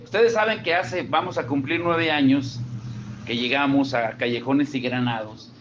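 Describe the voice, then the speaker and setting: A man's voice: medium pitch, normal speed, a bit bright, muffled recording, slight background noise. A middle-aged man with a Mexican accent, a pastor giving a conversational sermon and asking his congregation questions. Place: church service.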